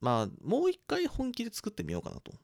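A man co-hosting a casual radio-style podcast, introducing segments quickly and laughing often. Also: very high voice, vocal fry. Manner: quick, lively explaining with frequent laughs. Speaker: podcast co-host presenting segments.

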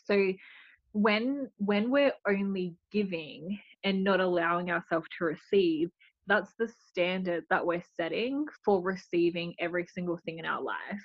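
Lower-voiced woman guest, dull lo-fi sound. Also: measured pace, no echo. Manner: explanatory, thoughtful, frequent "like" fillers. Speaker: podcast guest. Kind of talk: casual interview chat. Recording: dull lo-fi audio.

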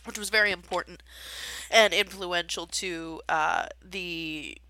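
A woman hosts her own show and chats loosely about music, with plenty of ums and asides. Her voice is bright and forward. The sound is dry and close, with no room around it. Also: lowish voice, slow pace, no echo. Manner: rambling, many fillers. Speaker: podcast host and amateur pianist. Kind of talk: casual solo chat.

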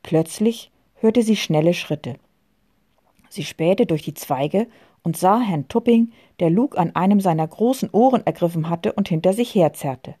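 A woman calmly reading a children's story aloud. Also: fairly low pitch, unhurried, breathy edge. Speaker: narrator.

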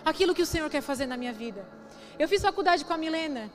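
A woman's voice: sits high, lively intonation, fast talker. A woman pastor with a Brazilian Portuguese accent preaching at a women's church gathering, emotional and conversational, asking the audience questions. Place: church hall. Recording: echoey church hall with music.

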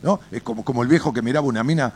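A man's voice: mid-range voice, racing, husky. A man with an Argentine accent giving advice on a radio show, blunt and colloquial, telling folksy stories to a caller. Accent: Argentine Spanish. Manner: blunt and colloquial, swears freely; animated storyteller, addresses listener directly. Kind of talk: advice talk with storytelling.

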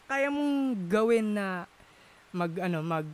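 A man's voice: high-pitched, expressive, slow, smooth. A man in a casual chat, searching for words and mixing English into his talk. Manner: searching for words, many fillers, Taglish code-switching. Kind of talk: casual conversation.

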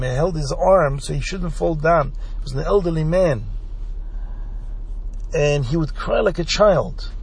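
A man from Belgium telling a Chassidic story in an unhurried way, glossing Hebrew terms in English as he goes. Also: on the high side, slightly rough.

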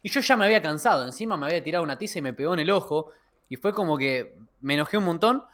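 A man with a Rioplatense Spanish accent co-hosting a podcast, telling stories in a lively way and acting out the dialogue, recorded over a video call. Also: a little high, rapid-fire. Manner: lively storyteller who acts out dialogue. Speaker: podcast co-host. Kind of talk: casual chat, storytelling.

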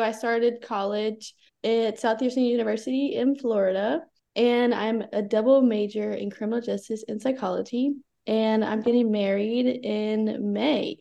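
A woman's voice: a little high, vocal fry, warm tone. A woman in her twenties who grew up in Costa Rica, chatting easily as a podcast guest. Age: 20s. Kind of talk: casual chat.

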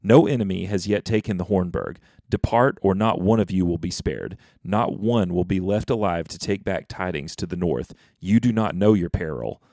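A man's voice: low-pitched, no echo, clean studio sound. A man reading as a stern, kingly warrior. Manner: calm, stern, measured. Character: defiant kingly male warrior.

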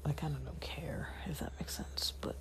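A man hosting his own channel talks casually to viewers from home, feeling a bit unwell but rested. His raspy, half-whispered voice rambles at normal speed with lots of fillers, and the recording quality is low.

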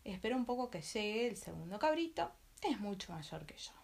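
A tiny, timid billy goat pleads in a soft, hushed voice that slips into a whisper, as a woman reading a bedtime story puts him on. The voice sits higher than the narration. It has a slight gravelly texture. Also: big pitch swings, a little fast. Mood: timid pleading.

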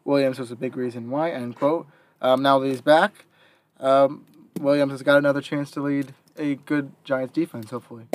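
A young man hosts a casual sports chat at an even, mid-range pitch. He reads quotes aloud, then adds his own take with small pauses and fillers. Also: a little hiss or hum. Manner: reads out quotes, then gives opinions with hesitations. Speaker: podcast host.

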